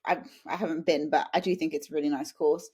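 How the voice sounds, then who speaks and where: Low, steady and a little mellow, her slightly rough voice moves fast as she tells stories as a podcast guest. She's an English woman in her late twenties from small-town Suffolk, chatting through a conversational interview.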